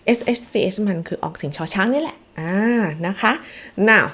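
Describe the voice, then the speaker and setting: A woman teaching English phonics to children, coaxing them warmly and saying model sentences slowly for them to repeat. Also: mid-range voice, slightly rough. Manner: lively, coaxing, calls learners "ลูก" and has them repeat.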